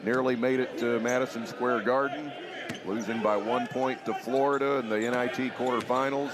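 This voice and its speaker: Man calling basketball over loud arena noise. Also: mid-range voice, fairly even intonation, normal speed. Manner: clipped short phrases calling the action. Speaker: play-by-play sports commentator. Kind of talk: live basketball play-by-play commentary. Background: basketball arena ambience, bouncing ball.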